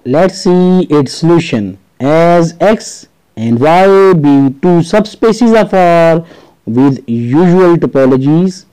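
A man with a Pakistani accent narrating a scripted maths lesson as a teacher, explaining deliberately step by step. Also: a little high, expressive, mellow, smooth, poor audio. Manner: deliberate step-by-step explaining, switching between English and Urdu.

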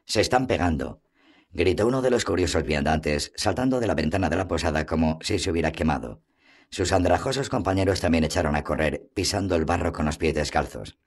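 Man reading a fantasy audiobook, super low voice, steady and measured. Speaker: audiobook reader. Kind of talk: scripted narration.

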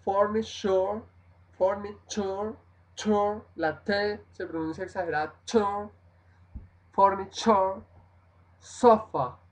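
Very slow-spoken man teaching vocabulary. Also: high-pitched, steady tone, rough recording. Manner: slow, repeats each word, switches between languages. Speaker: English teacher. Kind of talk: vocabulary lesson, livestream.

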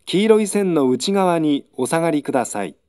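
A man giving a formal train station announcement in measured set phrases. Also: fairly high pitch, animated, darkish tone, dry recording, clean studio sound. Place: station platform public address system.

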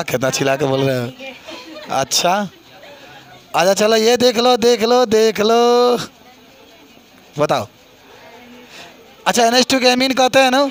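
A man's voice: sits high, fairly bright tone. A middle-aged man with an eastern Uttar Pradesh Hindi accent teaching chemistry to a classroom, quizzing students and repeating their answers with encouragement.

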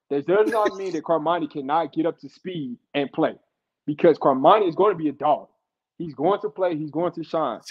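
A man's voice: on the high side, slightly rough. Insistent football analyst man on lo-fi call. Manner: explanatory, insistent, repeats himself to make a point. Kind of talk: casual sports talk show.

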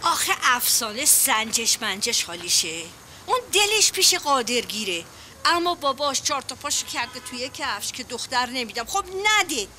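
A woman's voice: sits high, very animated, bright, forceful tone, slight background noise, exaggerated voice. An actress playing a protective, fussing aunt and mother who lectures in folksy sayings. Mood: lecturing. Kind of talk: Persian TV comedy series acting.

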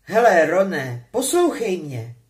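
A woman's voice: lowish voice, sing-song, a little mellow. A woman voicing a frustrated, defensive teenage boy wizard in a storybook reading, speaking up with insistence. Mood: insistent.

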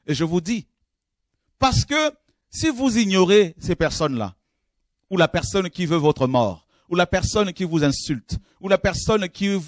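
High-voiced fervent French-language preacher. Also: male voice, very animated, measured pace, no room sound, studio quality. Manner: fervent, swings from low murmurs to high exclamations; repeats and restarts phrases while addressing listeners. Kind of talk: call-in sermon.

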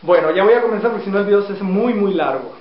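A man in his thirties with a fairly high voice talks through a casual home vlog, unhurried and full of pauses and fillers. The dull, lo-fi camera sound carries the echo of a small bare room. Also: a little hiss or hum. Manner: relaxed storytelling with many pauses and fillers. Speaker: fitness vlogger. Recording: roomy, dull lo-fi camera audio.

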